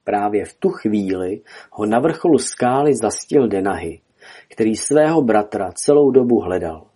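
Husky, dark-voiced male storyteller. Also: on the low side, animated. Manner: dramatic storytelling. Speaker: narrator. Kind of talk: storybook reading.

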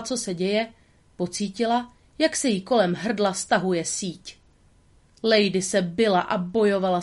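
Brief: woman narrator, calm and steady storybook reading. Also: medium pitch.

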